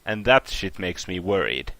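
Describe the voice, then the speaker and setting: A young man casually commenting while playing a visual novel, excitable and swearing often. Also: low voice, moderate pace, dry recording, poor audio. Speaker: let's play host.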